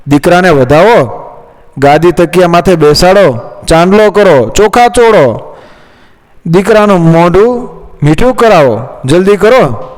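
A man voicing a shrewd older male merchant, calm and cunning, in a storybook reading. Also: sits high, a little slow, pauses often. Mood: coaxing. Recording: long hall reverb.

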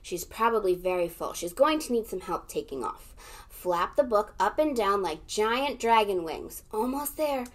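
A young woman as a children's librarian leading a storytime read-aloud. She is animated, gasps for effect and keeps inviting the listener to join in. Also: mid-range voice, normal speed.

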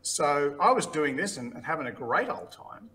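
A man, a podcast guest telling lively stories and acting out what others said. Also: on the high side, moderate pace, rough recording. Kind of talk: casual interview storytelling.

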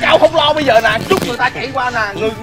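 A man's voice: very high-pitched, very fast. A man playing a panicky, easily frightened young woman in a comedy prank skit, stammering and repeating words. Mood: panicked. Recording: loud music and crowd noise behind.

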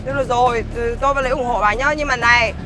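A bossy, gossipy wife out at the market, played by a woman talks quickly. Her voice is high and brisk, and music plays behind her. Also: fairly even intonation, crowd noise, close to an everyday voice. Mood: haggling. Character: scheming talkative woman shopper, a wife. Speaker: shopper and wife. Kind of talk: sitcom acting.

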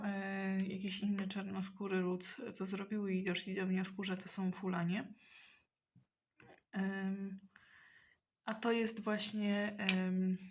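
A woman talking casually in a mukbang while eating, hesitant and often pausing mid-sentence to think. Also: mid-range voice, slight background noise. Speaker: mukbang vlogger.

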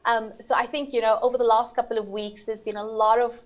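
A woman's voice: fairly high pitch, level tone, fast talker. A woman, answering as an insurance expert on a panel, articulate and businesslike. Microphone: video call. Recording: slightly muffled video call audio.

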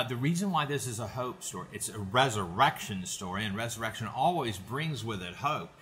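A man's voice: medium pitch, bright, forceful tone. An older man speaking earnestly to camera as host of a church video podcast, with many hesitant fillers and restarts, from a book-lined home study. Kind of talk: casual heartfelt address to camera.

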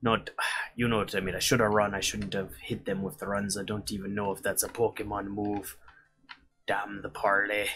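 A man's voice: fairly low pitch, little pitch movement, moderate pace, fairly bright tone, faint music behind. A man streaming a video game, dropping pirate-style yar and arr growls and swearing as he plays. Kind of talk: let's play commentary.

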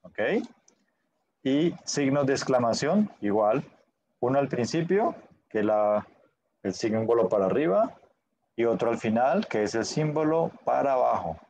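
A man's voice: medium pitch, expressive, measured pace, darkish tone, highs cut off, a little hiss or hum. A man teaching a Spanish class online in a patient way, often checking in with short questions.

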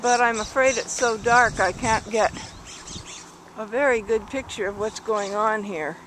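A woman narrating her walk along a rural road at dusk, thinking aloud and correcting herself as she films with a handheld camera. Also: measured pace. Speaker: hiker filming a walk. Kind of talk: casual narrated walk video. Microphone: handheld camera mic. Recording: faint outdoor noise, handheld camera. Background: distant highway traffic.

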